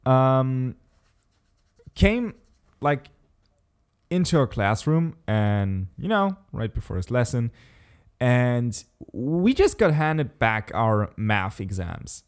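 A man's voice: mid-range voice, very animated, takes it slowly, clear, resonant tone. A man casually telling a story in a chat, swearing often and laughing as he talks. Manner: laid-back storyteller, swears often, laughs mid-sentence.

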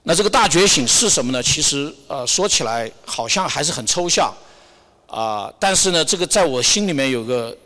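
Halting man sharing in a reverberant hall. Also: fairly high pitch, expressive, bright, forceful tone. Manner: halting and hesitant, searching for words, mixing in English words. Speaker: church member sharing a Sunday message. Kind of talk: informal church testimony sermon.

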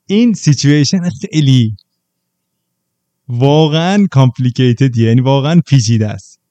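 A man's voice: mid-range voice, mellow, dry recording. A man, co-hosting a podcast, telling a long anecdote in casual chat and slipping in English loanwords. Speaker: podcast co-host.

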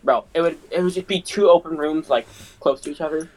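Fairly high-voiced bro-ish young man. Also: brisk, darkish tone. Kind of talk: casual chat. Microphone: voice chat on Discord.

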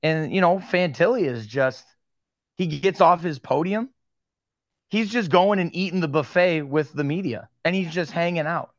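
Animated Western New York man, lo-fi. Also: on the high side, no room sound. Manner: animated storyteller, quick asides. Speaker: podcast guest, sports card media host. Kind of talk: casual interview chat.

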